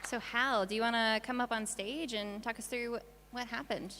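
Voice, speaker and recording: Casting: New woman, bright forceful voice, halting jokey event host, reverberant hall. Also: fairly high pitch, fairly even intonation, a faint crowd, a little hiss or hum. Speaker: conference organiser and presenter. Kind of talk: informal stage announcements. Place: on stage in a hall.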